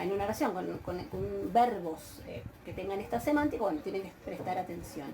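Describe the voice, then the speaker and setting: A university Greek teacher with an Argentine Spanish accent gives a grammar lecture in a recorded online class, explaining patiently while often hesitating and checking in with questions. Her voice is medium-pitched, and the recording is rough.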